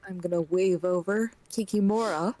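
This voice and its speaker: A woman's voice: on the low side, moderate pace, warm tone, no room sound. A woman talking casually as a player in a tabletop role-playing game.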